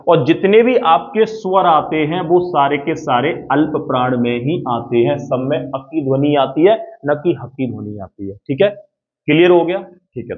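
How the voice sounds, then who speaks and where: Male teacher, a bit high-pitched, exam-prep grammar lesson, step by step with frequent checks, phone-like audio. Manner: explains step by step, keeps checking if students follow. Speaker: Hindi teacher.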